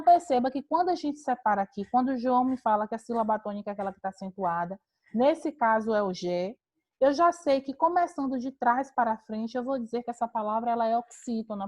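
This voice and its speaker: A woman teacher leads an online class over a video call. Her voice sits a little high, and she explains patiently, step by step, asking rhetorical questions and answering them herself.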